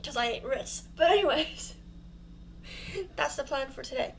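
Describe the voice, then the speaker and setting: A young woman YouTuber chats casually over a home build on her channel, rambling, giggly and self-deprecating, her mouth sore from fresh dental fillings. Her voice sits high and gravelly with lively intonation and an unhurried pace, and there's a little hiss or hum.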